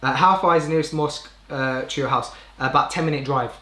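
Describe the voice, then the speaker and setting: His voice is fairly high, pushed and bright, and he talks fast. He's a young British man hosting a casual live stream in a roomy, echoing indoor space, rambling informally and frequently correcting himself.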